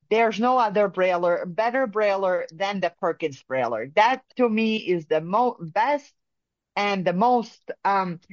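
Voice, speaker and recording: A woman from Bosnia, speaking in a halting way with many pauses and fillers as a caller in a phone-in discussion. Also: medium pitch, dry recording. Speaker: caller sharing experience. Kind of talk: casual phone-in talk. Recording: muffled lo-fi line.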